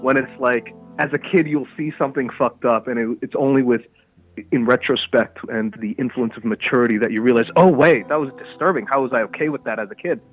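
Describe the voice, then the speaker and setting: A man's voice: mid-range voice, fairly quick, phone-quality sound, soft background music. A young man from Canada and Somalia, calling in and telling a rambling story in casual chat over the phone. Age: young adult. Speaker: caller.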